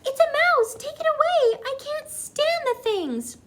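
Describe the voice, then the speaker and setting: A woman voicing a prim, snobbish, easily hysterical middle-aged wife from a storybook, shrill and dismissive. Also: very animated, moderate pace, slight background noise.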